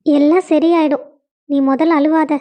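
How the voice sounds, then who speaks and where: A stern middle-aged mother who scolds her child, as a woman acts her out, speaking with a Kongu Tamil accent. Her voice sits very high. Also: steady tone, normal speed, mellow, close to an everyday voice. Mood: scolding.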